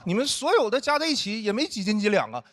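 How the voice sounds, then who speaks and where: Animated man doing stand-up. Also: high voice, fast talker. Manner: animated, acts out friends' teasing voices. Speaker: stand-up comedian. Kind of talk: stand-up comedy set. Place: stage before a live audience. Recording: noisy live show audio. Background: audience laughter.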